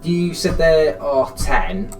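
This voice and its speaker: A man's voice: a little high, very animated, slow, roomy sound, faint music behind. A man chatting and joking casually as a player in a tabletop game.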